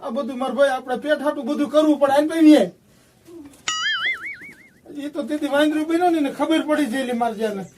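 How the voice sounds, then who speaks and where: A man's voice: extremely high pitch, fairly quick, long pauses, recorded from a distance, background noise. A man playing a scheming, bossy village plotter in a comedy skit, with a pushy, coaxing way of talking. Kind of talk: amateur comedy film acting.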